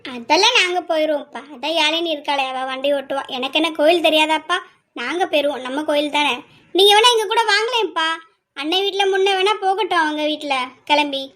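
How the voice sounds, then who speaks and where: A woman doing a calm, motherly aunt. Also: sits high, fairly quick. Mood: reassuring. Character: middle-aged aunt Lakshmi, calm and motherly.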